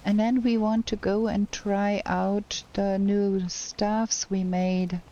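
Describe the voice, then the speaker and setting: A woman streamer giving casual gameplay commentary, thinking aloud in a slow, hesitant way, her voice cracking because she is unwell. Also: medium pitch, level tone, mellow, highs cut off, a little hiss or hum. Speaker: game streamer.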